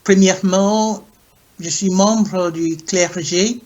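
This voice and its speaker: A middle-aged man from Ghana, an English speaker, answering interview questions in a slow, hesitant way with many pauses and fillers. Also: high-pitched, steady tone, a little mellow, muffled recording. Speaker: guest, clergyman and university French teacher.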